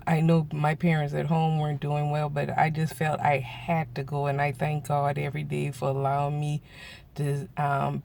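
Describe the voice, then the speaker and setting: A man, telling a story to his viewers in a casual, animated way and acting out the voices of people he quotes. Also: a little high. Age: 40s. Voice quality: gravelly. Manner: animated, acts out quoted voices, laughs often. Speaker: vlogger.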